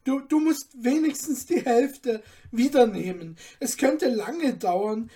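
A woman's voice: a little high, expressive, slow pace, mellow, voice pushed up. A woman voicing a poor young male student, pleading and emotional, in a storybook reading. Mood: tearful.

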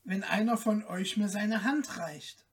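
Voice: medium pitch, far from the mic, close to an everyday voice. A reader doing a mournful enchanted owl princess. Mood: hushed. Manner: soft and subdued, slow and mournful. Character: sad enchanted owl princess, lonely and gentle.

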